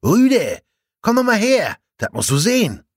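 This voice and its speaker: A man voicing a coarse male police officer who shouts and uses dialect words. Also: lowish voice, very animated, normal speed, husky, no room sound, studio quality, full character voice. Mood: shouting.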